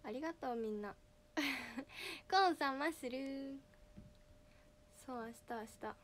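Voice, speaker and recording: Slight background noise sits under this teenage girl's slow, high-pitched voice, which has a slightly nasal quality. As an idol on a casual livestream, she reads viewer names aloud and greets them brightly.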